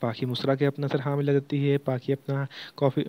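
A man's voice: medium pitch, completely flat delivery, brisk, mellow, no echo. A man narrating a serialized story in a plain reading style, often correcting himself mid-sentence. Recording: dull lo-fi audio.

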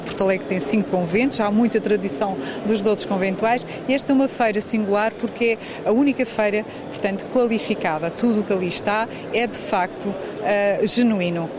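A woman in her forties, a municipal president, interviewed at a trade fair stand, inviting visitors and pausing with fillers. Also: mid-range voice, fairly even intonation. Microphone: handheld reporter mic. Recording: background noise from fair hall.

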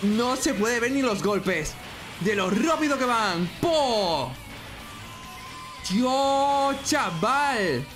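A man with a Spain Spanish accent giving excited reaction commentary as a streamer, full of exclamations and outbursts. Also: very high voice, very slow, soft background music. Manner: excitable, frequent exclamations and shouts. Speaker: streamer reacting to a fan animation.

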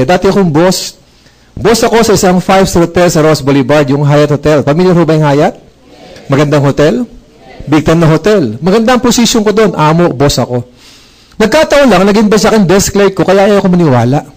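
A man giving an animated motivational talk to a live audience. He jokes, quizzes the crowd and acts out bits of dialogue. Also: sits high, rough recording. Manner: joking, asks the audience questions, acts out dialogue. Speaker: speaker at a business presentation.

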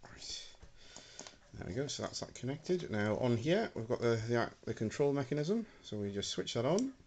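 Filmed indoors on a handheld camera in a wooden-floored room, this man is a hobbyist prop maker casually showing off homemade electronics. His medium-pitched voice swings widely in pitch at a normal pace, and he hesitates with many ums as he handles the gear over a noisy background.

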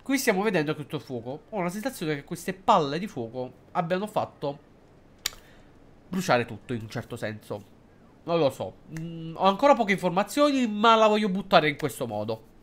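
A man giving casual, excitable and jokey live commentary while streaming a game, hesitant and halting whenever he switches into English. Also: on the high side. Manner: excitable and jokey, swings between loud outbursts and mumbling.

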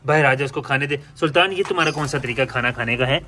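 A man's voice: medium pitch, fast talker. A young man chats playfully as he films his pets at home. He scolds and coaxes the animals in a casual vlog style. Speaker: pet and bird vlogger. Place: home yard with pet cages. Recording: outdoor recording with loud birdsong.

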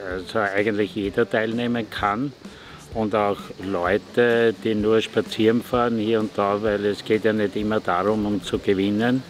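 A male sailor speaks in a relaxed interview in a low, flat voice. Music plays clearly behind him. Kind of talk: casual interview.

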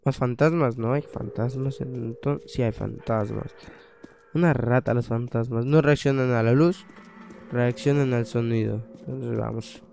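A young man with a mellow, gravelly voice talks his way through a horror game. He thinks aloud, swears freely and bursts out loudly whenever something startles him. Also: mid-range voice, steady tone, unhurried, slight background noise. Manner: casual, swearing, thinking aloud, loud scared outbursts. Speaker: gaming channel host. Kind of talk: horror game let's play commentary.

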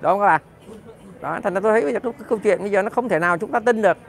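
Heated, profane high-voiced man. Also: rapid-fire, vocal fry. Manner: heated, profane, addresses viewers directly, rises to shouting. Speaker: political commentator. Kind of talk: ranting monologue to viewers.

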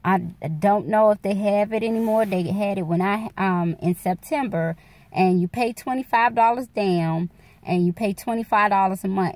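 A woman's voice: mid-range voice, darkish tone. A woman in her forties talking candidly to her phone camera at night, rambling and calling her viewers y'all. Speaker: vlogger. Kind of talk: casual chat to camera. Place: dark room at night. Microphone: phone camera held close.

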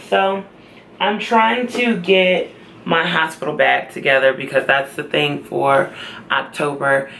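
A young woman talks to her camera at home in an unhurried, heavy drawl. Her voice is strongly gravelly yet bright in tone, tired and close to tears while she tries to sound hopeful. A faint hum of room ambience sits behind her. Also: rumbling low. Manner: tired, slow and tearful, trying to stay upbeat. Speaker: pregnancy vlogger. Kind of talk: emotional personal vlog.

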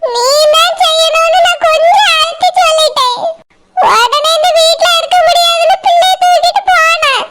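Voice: very high-pitched, moderate pace, sharp tone, a little hiss or hum. A voice actor playing a scheming, self-pitying old village mother-in-law who wails and complains in a Tirunelveli Tamil accent. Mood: tearful complaint. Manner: wailing, complaining, plays the victim.

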